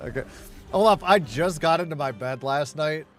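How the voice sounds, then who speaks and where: A man's voice: fairly high pitch, lively intonation, normal speed. A man chatting casually with a friend while gaming, rambling and swearing heavily, with many restarts.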